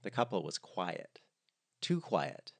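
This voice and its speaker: A man narrating a comedic story in a wry, expressive way. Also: low voice, slow, creaky.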